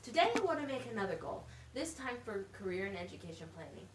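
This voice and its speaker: In a scripted puppet show, a woman plays a methodical, encouraging teacher who explains things simply and leads with questions. She speaks fast in a natural, mid-range, very animated voice, captured by a distant mic in a roomy space with faint background noise.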